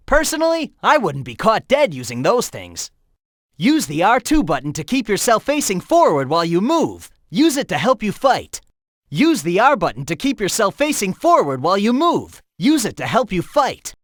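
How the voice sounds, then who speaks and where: A cocky young hedgehog hero from a video game, breezy and upbeat as he coaches the player along. His voice swings up and down with lively pitch, recorded close on a studio mic, dry with no room sound. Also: no echo, full character voice.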